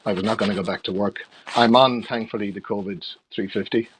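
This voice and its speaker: A man's voice: fairly low pitch, steady tone, fairly quick, fairly bright tone, slight background noise, low-quality recording. A middle-aged man with an Irish accent, answering interview questions in a conversational, rambling way, often repeating words as he explains. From Galway, Ireland. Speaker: interview guest, freelance theatre production manager.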